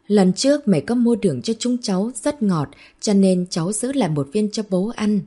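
A woman's voice: mid-range voice, expressive, moderate pace, mellow, breathy edge. A woman voicing small children who are sweet and eager to please, speaking in a pleading, childlike sing-song.

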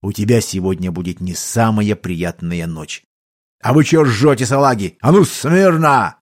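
Male reader playing a gruff audiobook captain, drawling orders, stern with a dry edge. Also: lowish voice, a little mellow, voice pushed down, close to an everyday voice. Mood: stern, mocking. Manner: slow, drawling, commanding. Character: mustached army captain, stern but amused, older man.

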